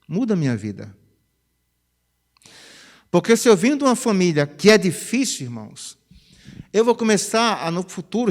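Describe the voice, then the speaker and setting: A man preaches in a chatty, animated way, often tagging his phrases with a questioning "né?". His voice sits somewhat high, and his pitch swings widely. The sound carries the long reverb of a church hall. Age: 50s. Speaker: pastor. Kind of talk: conversational sermon. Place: church sanctuary.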